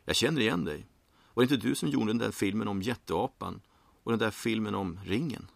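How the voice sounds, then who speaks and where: A man's voice: on the low side, gravelly, no room sound, voice pushed up. A man voicing a weary, aging male former action-film star who talks in a bored, tired way. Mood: weary, sulky.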